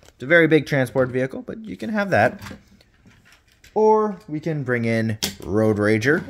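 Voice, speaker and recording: A rambling, chatty man talks through a toy review at an ordinary pitch, tossing in a casual curse now and then. His voice rings with an echoey room reverb that hangs on every phrase. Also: very animated, normal speed, a little hiss or hum. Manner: chatty, rambling, with playful swearing.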